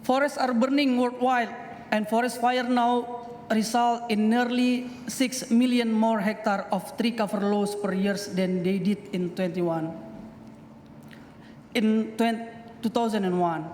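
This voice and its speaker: A man's voice: high voice, fairly even intonation, darkish tone. Man speaking in an echoey hall. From Indonesia. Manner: halting, non-native phrasing. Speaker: campaigner. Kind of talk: press conference statement. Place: conference press room. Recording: echoey hall, faint noise.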